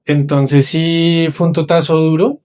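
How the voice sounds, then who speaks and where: Young Colombian podcast guest, lively storyteller, slightly high voice, acts out the people in his anecdotes. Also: measured pace. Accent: Colombian Spanish. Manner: animated, acts out quoted voices. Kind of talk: casual storytelling.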